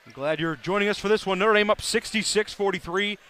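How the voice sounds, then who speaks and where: A man doing live play-by-play for a college basketball game, brisk and rising sharply on big plays. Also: high-pitched, bright, forceful tone, slight background noise. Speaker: play-by-play announcer. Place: arena broadcast booth.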